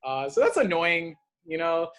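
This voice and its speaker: Rambling young man, slightly high voice. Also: very animated, moderate pace, a bit bright. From partly raised in the Gulf, of North African parents. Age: young adult. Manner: rambling, self-deprecating. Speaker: cooking class host. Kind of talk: casual personal chat.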